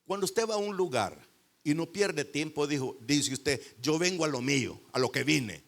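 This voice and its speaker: A male pastor preaching a sermon into a handheld microphone in a church, rising to loud bursts and dropping into quiet pauses. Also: on the high side, lively intonation. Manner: preaching with sudden loud swells and dramatic pauses.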